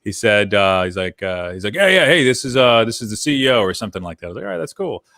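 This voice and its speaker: An American podcast host in his thirties chats casually and anecdotally over a video call, speaking into a close desk microphone in an indoor room with a brick wall. His low-leaning voice is very animated, fast, pushed and bright, and the recording is dry.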